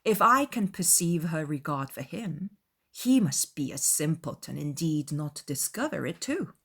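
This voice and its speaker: A woman playing a witty, spirited young gentlewoman with a wry manner in a dramatized audiobook. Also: low-pitched, sing-song, normal speed, husky, voice pushed down, exaggerated voice. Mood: reasoning, firm.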